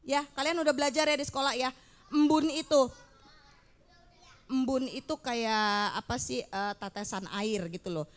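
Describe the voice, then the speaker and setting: A woman teaching a children's Bible lesson, chatty and lively, often asking the kids questions. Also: high-pitched, moderate pace. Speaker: Sunday school teacher.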